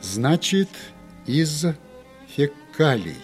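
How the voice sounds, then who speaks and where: A man's voice: medium pitch, lively intonation, a little fast, faint music behind, lightly acted. A man voicing a coy, sweet-talking lady boss. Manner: sweetly coy, then contemptuous. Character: flirtatious, then coldly stern woman boss.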